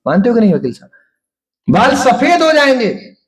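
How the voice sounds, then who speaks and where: A man giving a devotional talk, telling stories in an animated way and playfully acting out the people in them. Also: very high-pitched, normal speed. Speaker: preacher.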